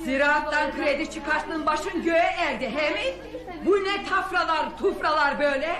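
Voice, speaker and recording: A shrill accusing village mother. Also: unhurried. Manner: accusing, appeals to the neighbors. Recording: echoey room, faint crowd.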